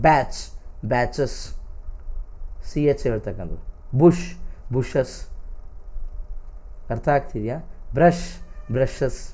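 A male English teacher with a Kannada accent, leading an online exam-prep class. His voice sits at a middling pitch for a man. He mixes Kannada and English, reads word pairs aloud one after another and stops to ask whether the class is following. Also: a little mellow.

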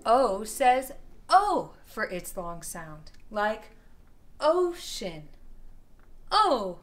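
A woman teacher giving a children's phonics lesson, sounding out each word slowly and clearly for young learners. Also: mid-range voice, very animated, faint music behind.

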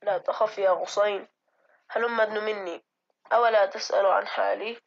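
A woman voicing a dying old caliph who speaks gently and forgivingly in a classroom drama reading. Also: mid-range voice, fairly even intonation, normal speed, creaky, lo-fi sound. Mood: gentle.

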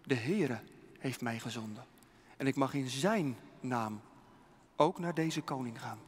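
A man's voice: mid-range voice, a little slow, breathy edge. A man freely telling a mission story to children, dramatic and suspenseful, with many rhetorical questions, heard with a long hall reverb.

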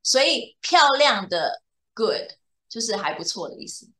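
A woman's voice: on the high side, very animated, a little slow, sharp tone, a little hiss or hum. A woman teaching English to a young student one on one, explaining patiently and checking often that the student follows. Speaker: English tutor. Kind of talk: bilingual tutoring lesson.

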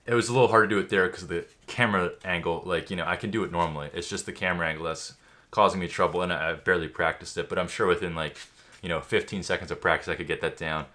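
A man's voice: deep voice, steady tone, racing, pushed and bright. A man giving a mock magic tutorial commentary in an offhand, boastful, know-it-all way. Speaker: YouTuber.

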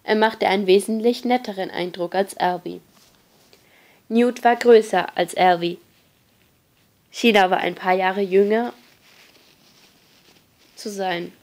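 Brief: woman narrator, mid-pitched voice, steady audiobook reading. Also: slow pace, long pauses. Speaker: audiobook reader.

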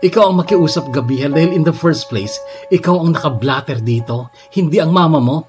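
A man voicing a furious young pregnant woman who scolds and shouts at the man who wronged her, with soft music behind. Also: on the high side, fairly quick, voice pushed up, natural voice. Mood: angry.

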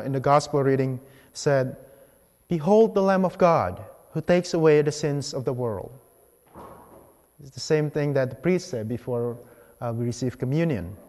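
With a darkish tone and a fairly high-set voice, a man preaches a homily as a priest at the lectern of a large church. His phrases are measured and deliberate, separated by pauses, with the sanctuary's long reverb trailing after.

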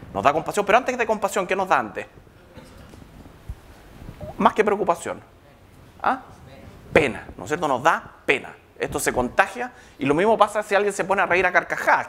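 A man's voice: high voice, sharp tone, a little hiss or hum. A man giving a live public lecture, checking in with the audience through constant rhetorical questions.

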